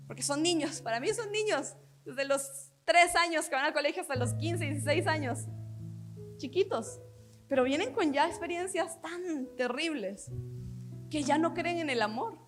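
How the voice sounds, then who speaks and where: A woman pastor preaching a sermon in an earnest way, often letting her phrases fall soft at the end. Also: sits high, expressive, a little slow, soft background music.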